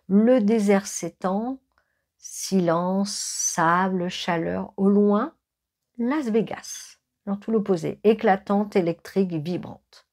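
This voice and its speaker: A woman recounting her own haunted-house experience as a medium, in slow personal storytelling with many fillers, self-corrections and dramatic pauses, dropping to a hush when she quotes whispers. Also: medium pitch.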